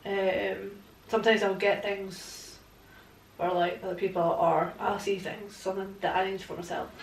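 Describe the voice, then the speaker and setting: Seated on a sofa in a living room, a young paranormal investigator fields interview questions as a guest, hesitating and using plenty of fillers. Her voice is medium-pitched with little pitch movement at a normal speed, and the far camera captures an echoey room with slight hiss or hum.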